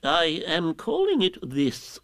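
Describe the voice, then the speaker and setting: A man's voice: fairly high pitch, wildly swooping pitch, takes it slowly, fairly bright tone, no echo, studio quality, voice pushed up, heavily acted. Owl, a pompous chuckling old owl voiced by a man. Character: fussy self-important old male owl.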